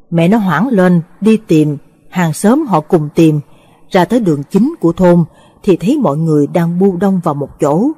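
A woman narrating a Buddhist audio story in a solemn, measured way. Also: lowish voice, dark tone, slightly rough.

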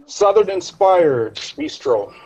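A man's voice: a little high, sing-song, takes it slowly, a little mellow, breathy edge, poor audio. A man from Canada who works as a chef, giving terse, clipped answers on a video call.

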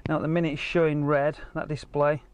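A man with a higher-leaning voice talks quickly and flatly while casually explaining a product as a car audio installer. He moves between an outdoor car park and the car's interior, and the handheld camera records him clearly against ambient noise.

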